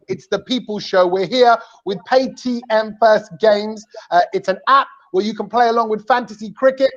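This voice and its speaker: A man with a strikingly high voice hosts a live cricket fan show, bouncing along with playful, teasing energy. The sound is dull and lo-fi. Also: normal speed. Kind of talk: lively live-stream chat.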